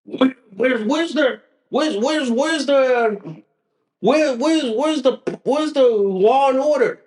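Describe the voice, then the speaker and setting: A man's voice: extremely high pitch, takes it slowly, a little mellow. A man hosting a solo podcast, ranting angrily with profanity and frequent stumbling restarts. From United States. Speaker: podcast host. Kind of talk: solo political rant.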